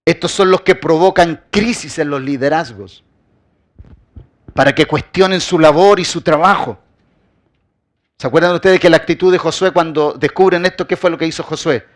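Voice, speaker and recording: High-voiced preaching pastor. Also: male voice, normal speed. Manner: preaching with rhetorical questions and emphatic repetition. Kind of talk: sermon.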